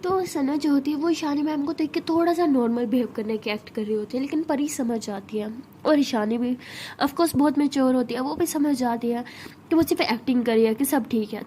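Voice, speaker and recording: A woman's voice: high-pitched, mellow, a little hiss or hum. A woman telling a love story in a casual, chatty way. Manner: conversational, chatty.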